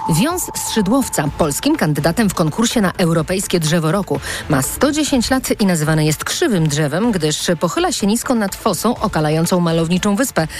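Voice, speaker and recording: A woman presenting radio news, reading scripted bulletins. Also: fairly low pitch.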